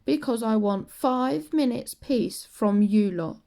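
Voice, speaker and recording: A woman's voice: on the high side, lively intonation, slow pace, vocal fry, mellow, full character voice. A woman voicing a harried, exasperated mother in a children's storybook, speaking in a firm, weary manner. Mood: firm, fed up. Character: harried, exasperated mother wanting peace and quiet.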